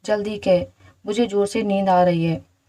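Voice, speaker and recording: A woman voicing a grumpy, sleepy male demon in a storybook reading, in a dark, mellow tone. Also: medium pitch, fairly even intonation, measured pace, lightly acted, rough recording. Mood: grumbling. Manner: grumbling, impatient.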